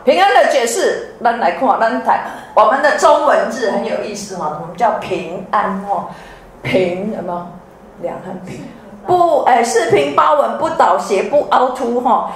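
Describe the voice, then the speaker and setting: Woman, Taiwanese Mandarin accent, middle-aged, lively preaching style, echoey hall, faint noise. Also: mid-range voice. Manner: lively, engaging audience with questions, laughs often. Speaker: pastor's wife. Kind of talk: sermon.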